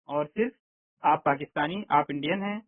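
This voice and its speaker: In a dry, tinny online call, a male Arabic teacher whose voice leans high walks students through a language lesson step by step. He frequently pauses to check their understanding.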